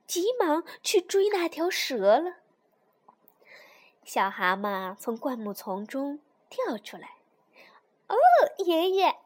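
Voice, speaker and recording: Slow expressive storytelling woman. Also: high-pitched. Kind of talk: children's storybook reading.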